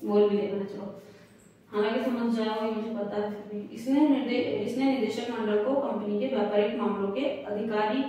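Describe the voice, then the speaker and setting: A woman's voice: fairly high pitch, steady tone, normal speed, dark tone, recorded from a distance. A young woman teaching a lecture class and often checking that students follow. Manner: repetitive, checking in with "ठीक है?". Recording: echoey room, voice away from the mic.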